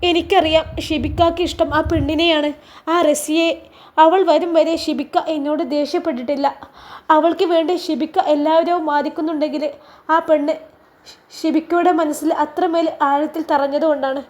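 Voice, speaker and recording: A woman's voice: sits high, steady tone, moderate pace, a little mellow, lightly acted. A woman reading a spiteful, jealous young woman in a spoken story, sneering and complaining. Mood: aggrieved.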